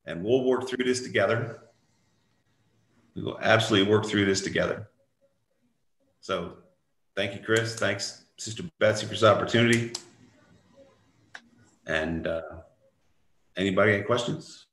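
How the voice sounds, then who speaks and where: This older man speaks in a low voice, plain and reassuring, as he gives an update on a video call. His voice carries a good deal of echo from the room he sits in at home. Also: moderate pace, pauses often, a bit bright. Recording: echoey room.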